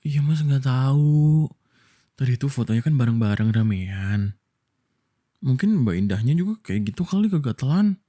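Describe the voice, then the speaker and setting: A man from Indonesia doing a whispered boyfriend role-play, soft and coaxing as he soothes his partner. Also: medium pitch, animated, normal speed. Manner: soft, coaxing, affectionate toward listener.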